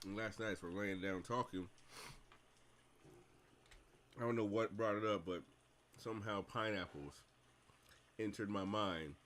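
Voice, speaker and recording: A deep-voiced man talks loosely on a livestream, rambling between mouthfuls with content hums. His tone is bright and forward, with a faint hiss of noise underneath. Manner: relaxed, rambling, with humming pauses while eating. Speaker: livestream host. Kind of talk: casual chat while working.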